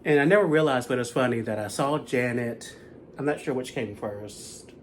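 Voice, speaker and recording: A man's voice: medium pitch, moderate pace, a little hiss or hum. A man in his thirties giving a chatty, rambling recap of a concert he went to. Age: 30s. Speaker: concert vlogger. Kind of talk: casual chat.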